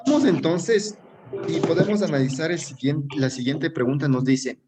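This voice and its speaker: A man's voice: fairly high pitch, moderate pace, heavy background noise. A male teacher with an Ecuadorian accent leads an exam-prep class. He works through each answer step by step and keeps checking in with rhetorical questions. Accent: Ecuadorian Spanish.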